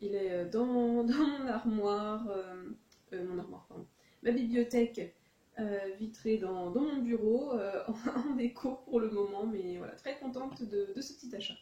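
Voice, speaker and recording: A woman chats through her second-hand finds in a relaxed, halting way, often pausing and correcting herself. Her voice is mellow and soft-edged. The recording carries the echo of a room at home. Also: medium pitch, dull audio. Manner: chatty, many hesitations and self-corrections. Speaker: second-hand fashion vlogger. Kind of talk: casual haul video chat. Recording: echoey room.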